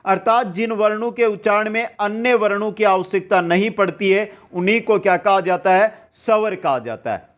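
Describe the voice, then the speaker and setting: A man's voice: sits high, a bit bright. A man teaching an online grammar class, explaining step by step and answering his own questions as he goes. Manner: drags out sounds and counts slowly.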